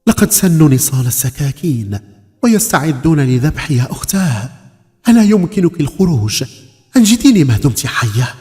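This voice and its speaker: A man voicing a young woman turned into a goat, crying out high and desperate. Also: big pitch swings, a little fast, warm tone. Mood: frightened. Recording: long reverb with faint music.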